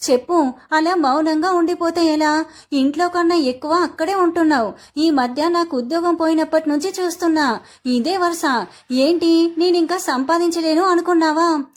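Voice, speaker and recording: A woman's voice: very high voice, moderate pace. Worried young husband, read by a woman. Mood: angry. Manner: earnest, pleading. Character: worried young husband who lost his job.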